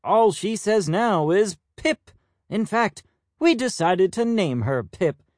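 A man's voice: high voice, expressive, slow, a little mellow, dry recording, studio quality, voice pushed up. Bill, a man doing a proud father peacock. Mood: fond.

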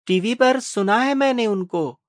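A man's voice: very high-pitched, a little slow, no room sound, studio quality, voice pushed up. A man voicing an eager, curious young boy in a storybook, asking questions.

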